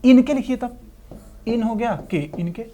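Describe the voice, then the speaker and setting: A man's voice: extremely high pitch, normal speed, mellow. A man teaching a shorthand lesson, breaking words into syllables and repeating them patiently. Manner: patient, explanatory, checks in with "ठीक है". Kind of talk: classroom lesson.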